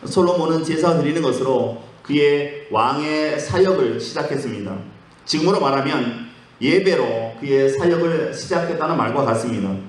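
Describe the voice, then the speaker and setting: Korean pastor preaching in an echoey room. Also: male voice, fairly high pitch. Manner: storytelling, acts out quoted voices. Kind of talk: sermon with jokes.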